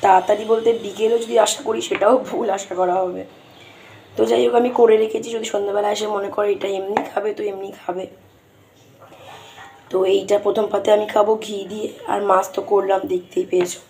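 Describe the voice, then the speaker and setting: A hoarse woman, chatting through her day at home as she cooks. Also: medium pitch, flat delivery, fairly quick, dark tone, slight background noise, low-quality recording. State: hoarse, straining to speak. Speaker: vlogger. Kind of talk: casual daily vlog narration. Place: home kitchen.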